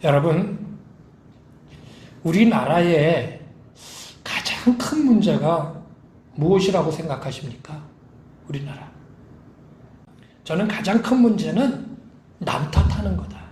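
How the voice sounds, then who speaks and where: A man's voice: fairly high pitch, lively intonation, slow pace, pauses often, darkish tone, reverberant, a little hiss or hum. A male pastor preaching a sermon with emphatic delivery, acting out quoted lines. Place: church sanctuary.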